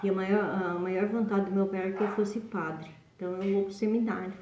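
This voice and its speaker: A woman voicing a calm, cynical young heir. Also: mid-range voice, fairly quick, slight background noise, close to an everyday voice. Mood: resigned. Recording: dull echoey room.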